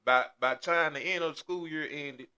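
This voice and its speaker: A man's voice: on the high side, moderate pace, sharp tone, smooth. A man, a guest in casual chat, talking earnestly and reflectively with many repeated starts.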